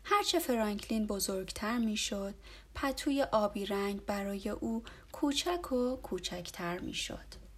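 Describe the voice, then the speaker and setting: A woman reading a children's story aloud in a soft, half-whispered way. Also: on the high side, breathy edge.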